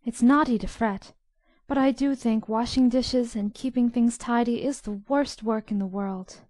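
A woman voicing a shy, gentle young girl in an audiobook story, speaking in a soft, earnest, soothing manner. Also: on the high side, fairly even intonation, normal speed, no room sound, voice pushed up, lightly acted. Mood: mildly fretful. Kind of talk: audiobook character acting.

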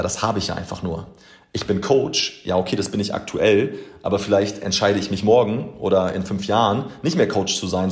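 Earnest German coach, low voice, echoey room. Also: male voice. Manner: earnest, emphatic, addresses listener directly, mixes in English phrases. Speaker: coach and podcast host. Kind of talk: motivational podcast talk.

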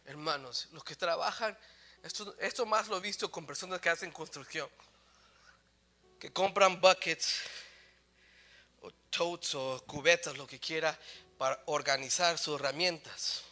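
A man preaching a sermon with raw emotion, swinging from hushed near-whispers to shouts, halting and restarting, slipping English phrases into his talk. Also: fairly high pitch. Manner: mixes English phrases into Spanish. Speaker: pastor.

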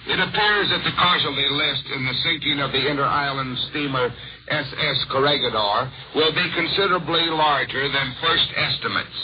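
A man's voice: a little high, moderate pace. A man reading a scripted war news report in the formal manner of an old-time radio announcer. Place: radio broadcast from overseas. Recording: noisy, muffled 1940s shortwave radio broadcast.

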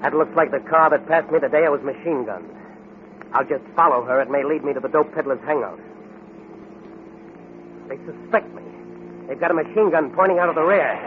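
Brief: an actor as a commanding, taunting masked crime-fighter, 1940s radio, tinny and hissy. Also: male voice, fairly high pitch, natural voice. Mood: determined. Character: bold masked male crime-fighting hero. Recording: scratchy old radio recording.

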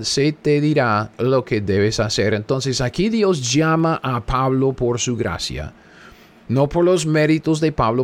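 A man leading a Bible study, reading passages aloud and repeating key words for emphasis, often checking in with his listeners. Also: mid-range voice. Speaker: Bible teacher.

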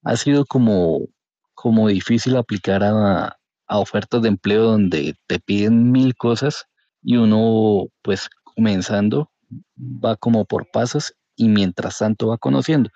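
A Colombian-accented man tells his story in a casual, colloquial way. His voice is very mellow and a bit low, on a slightly dull lo-fi recording. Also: unhurried, no room sound. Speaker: podcast guest, career changer into programming. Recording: dull, lo-fi audio.

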